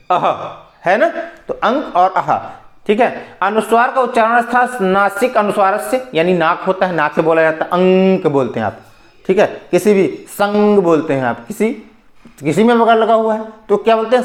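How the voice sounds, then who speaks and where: A man's voice: sits high, expressive, moderate pace, roomy sound. A man teaching an exam-prep grammar lesson in Hindi with a Hindi accent, explaining step by step, asking questions and answering them himself. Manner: explanatory, repeats "ठीक है" and asks and answers his own questions.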